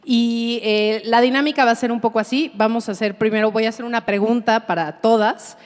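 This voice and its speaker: A middle-aged Mexican woman moderates a panel on a stage, talking with eager, chatty warmth and plenty of filler sounds. Her voice sits fairly high, and it rings out with the long reverb of a large hall. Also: fairly even intonation, a little fast. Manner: enthusiastic, chatty with many fillers.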